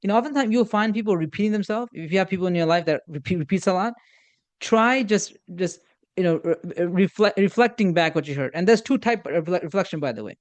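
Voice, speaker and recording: A man giving an informal workshop lecture on communication, speaking haltingly with many repeated starts and fillers, acting out sample dialogue and using Islamic religious phrases. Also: high voice, animated, lo-fi sound. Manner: uses Islamic religious phrases and Arabic quotes. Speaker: instructor on communication.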